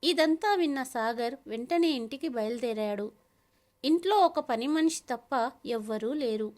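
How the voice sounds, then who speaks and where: A woman narrating a family story in a steady, plain reading voice. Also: high-pitched, a little slow.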